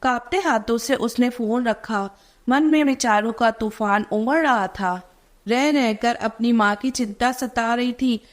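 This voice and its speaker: Woman reading a story, fairly high voice. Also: a little slow. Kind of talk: scripted narration.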